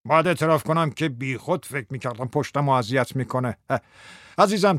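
A man's voice: on the high side, dry recording, clean studio sound, lightly acted. An actor playing a chatty, self-satisfied middle-aged husband and businessman in a radio drama.

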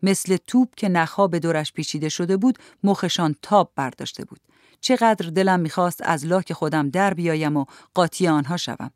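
Measured reader of a literary story. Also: medium pitch, no room sound, studio quality. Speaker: audiobook narrator.

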